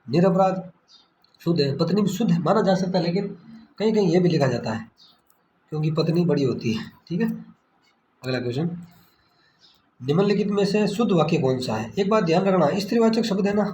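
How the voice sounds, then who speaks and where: A man's voice: a little high, a little mellow. A man teaching a Hindi exam prep lesson. He asks a question, answers it himself, and repeats the key word again and again. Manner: repetitive quiz-style questioning, frequent "ठीक है". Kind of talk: screen-recorded exam lesson. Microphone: screen-recorder phone mic. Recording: echoey room with faint background hiss.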